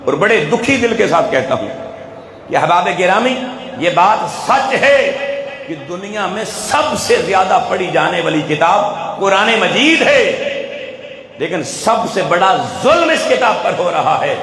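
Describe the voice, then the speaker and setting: A man's voice: sits high, lively intonation, a crowd in the background. A man with a Pakistani Urdu accent giving a sermon to a live audience, pressing them with rhetorical questions. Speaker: religious speaker. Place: event hall with an audience. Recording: echoey hall, faint ambience.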